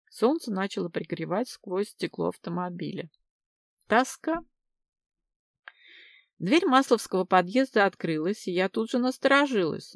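A woman's voice: medium pitch, no room sound. Woman narrating an audiobook, dry and close. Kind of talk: first-person audiobook narration.

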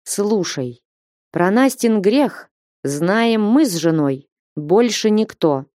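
Woman reading as a stern grieving old merchant, reproachful, slow, dry, storybook. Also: medium pitch, expressive, a little mellow, dry recording, voice pushed up. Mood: threatening. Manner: reproachful, threatening.

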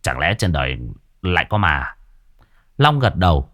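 A man narrating a horror story in a lively, colloquial way. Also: low voice, a little slow.

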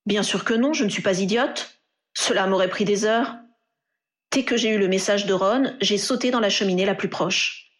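A woman's voice: mid-range voice, normal speed, close to an everyday voice. A woman voicing a headstrong young woman, anxious and pleading. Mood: indignant.

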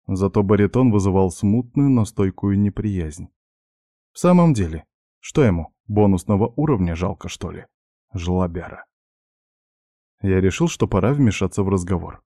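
A man narrating a first-person audiobook with expressive, wry storytelling. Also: lowish voice, no room sound, clean studio sound.

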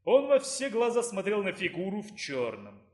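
A man's voice: high voice, sing-song, normal speed, a little mellow, reverberant. A man narrating a fantasy audiobook expressively.

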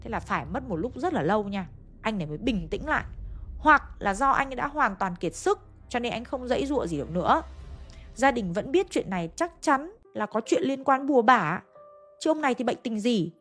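A woman's voice: on the high side, expressive, a little fast, fairly bright tone, faint music behind. Chatty woman telling ghost stories. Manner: chatty, conversational, with emphatic asides. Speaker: ghost story narrator. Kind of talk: casual spoken storytelling.

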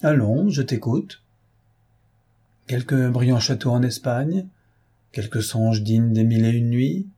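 A man's voice: medium pitch, unhurried, long pauses, slightly rough. A man playing a kindly, cautious middle-aged father who questions his daughter fondly. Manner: fond, gently questioning.

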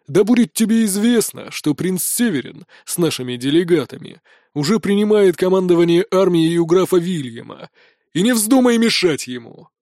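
A domineering king and furious father, as an audiobook reader puts him on, booming and scolding in a fairly high male voice. The recording is dry and close, with no room sound at all. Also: animated, normal speed, darkish tone, no echo. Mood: cold. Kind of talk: audiobook character voice.

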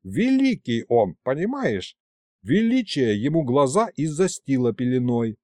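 A man's voice: medium pitch, big pitch swings, measured pace, mellow, dry recording, clean studio sound. A man voicing a cranky, folksy old grandfather who grumbles in rustic speech. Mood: grumbling.

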